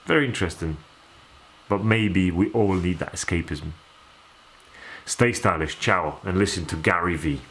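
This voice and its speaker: An earnest man with a lowish voice talks to camera in a reflective vlog. He speaks thoughtfully, pausing now and then on small fillers. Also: a bit bright. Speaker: vlogger.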